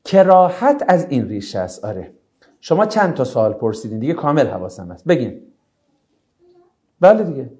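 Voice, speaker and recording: A man's voice: medium pitch, long pauses. A male teacher explaining a lesson to his class, often asking rhetorical questions. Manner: animated, explanatory.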